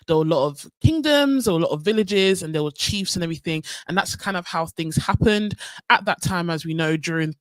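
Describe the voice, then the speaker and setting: A woman's voice: lowish voice, animated, a little fast, no echo. A young woman from North London with a London accent, hosting a casual live history talk, chatty and full of ums and asides to her viewers. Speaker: livestream host.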